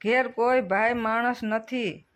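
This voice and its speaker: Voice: mid-range voice, steady tone, takes it slowly, fairly bright tone. A storyteller voicing a poor, desperate male buffalo herder who pleads urgently for help. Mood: pleading.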